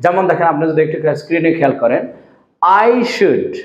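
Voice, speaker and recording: A man's voice: fairly high pitch, a little fast. A man teaching a language lesson, repeating each point and asking the viewer questions. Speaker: English teacher. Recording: echoey room, dull lo-fi sound.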